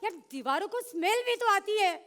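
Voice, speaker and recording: A woman's voice: very high-pitched, lively intonation, a little fast, fairly bright tone. A woman performing a stage comedy sketch, scolding and bantering with her partner. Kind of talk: stage comedy sketch before a live audience.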